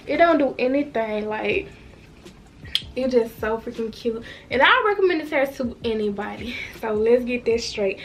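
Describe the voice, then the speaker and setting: Filming at home with a washing machine going nearby, a hair vlogger in her twenties talks casually to her audience about hair. A cold has left her high voice stuffy, and there is slight background noise.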